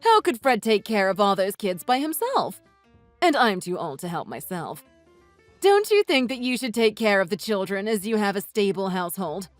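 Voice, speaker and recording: A woman reading the text messages of an older, self-righteous mother-in-law in a slow, scolding way, over soft music. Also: mid-range voice, sing-song, dry recording, lightly acted. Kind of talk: read-aloud text-message story. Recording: dry voice with soft music underneath.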